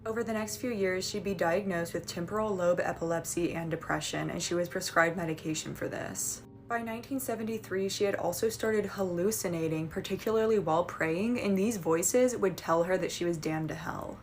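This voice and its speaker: A woman's voice: on the low side, fairly quick, few pauses, soft background music. A woman reading a scripted true-story narration, with a conversational touch.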